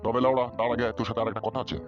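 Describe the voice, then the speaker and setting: Man voicing a swearing landlord father, rapid-fire talk, music behind. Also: mid-range voice, flat delivery, dull audio, close to an everyday voice. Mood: gruff. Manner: swears constantly, barking and scolding. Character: foul-mouthed hot-tempered middle-aged village father and landlord. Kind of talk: comic audio drama. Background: background music.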